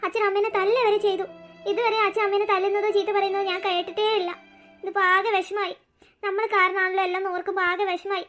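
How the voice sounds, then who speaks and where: A woman's voice: very high voice, level tone, quick pace, a bit bright, soft background music. A woman voicing a caring teenage older sister in a cartoon, reassuring her younger sibling. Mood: sad. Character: earnest teenage girl, protective older sister. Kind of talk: cartoon voice acting.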